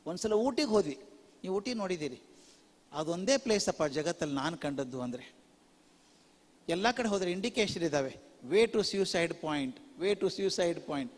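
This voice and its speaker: A high-pitched older man lectures to a conference of teachers, acting out little scenes between parents and children as he goes. His voice rings with a long reverb from the big hall he speaks in. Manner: animated storyteller, acts out parents and children in quick asides. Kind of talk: lecture mixing Kannada and English. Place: large hall.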